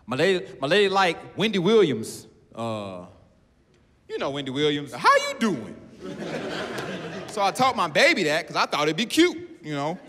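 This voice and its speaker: A man doing stand-up comedy in a large theater, telling a story in an animated way that jumps into high character voices. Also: brisk, hardly any pauses, big-room sound, slight background noise. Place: large theater, live audience. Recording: live theater with audience laughter.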